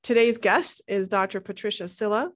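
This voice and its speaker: A woman's voice: mid-range voice, normal speed. A woman co-hosting a podcast, introducing a guest in a partly read, biographical style.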